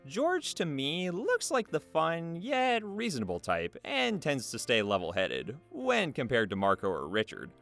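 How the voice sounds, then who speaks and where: This casual scripted interview narration features a man reading questions and answers with jokey playfulness while video game music plays behind him. He has a fairly high voice whose pitch swoops wildly, a little slow, a bit bright, with vocal fry and few pauses.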